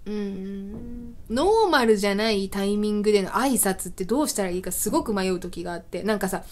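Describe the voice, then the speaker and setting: Brisk and lively in intonation, this medium-pitched woman talks on her own as a web radio host. She plays out small daily scenes and keeps breaking into self-mocking laughter between lines.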